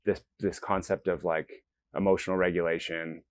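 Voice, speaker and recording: This is a man with a notably deep, low voice, speaking in an interview. He explains things earnestly and step by step, slipping into quoted self-talk along the way. The sound is close and dry, with no room echo. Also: level tone, normal speed. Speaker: guest, company founder. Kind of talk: interview conversation.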